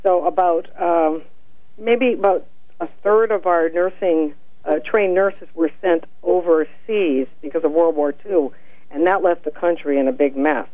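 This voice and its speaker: A woman's voice: fairly low pitch, no room sound. Earnest woman on a tinny speakerphone. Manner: earnest, explanatory, pauses on fillers. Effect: speakerphone over a phone line. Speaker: caller, director of a nurses' group. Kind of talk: radio call-in.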